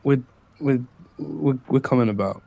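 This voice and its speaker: A man's voice: mid-range voice, vocal fry, highs cut off. Earnest man playing a tabletop character. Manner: earnest, quick to reassure and refocus. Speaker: player.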